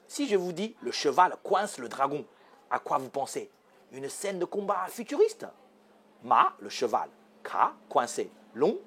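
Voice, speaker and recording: A man's voice: a little high, husky. A man presenting a magazine show segment, explaining words in a playful, teasing way and asking the viewers questions.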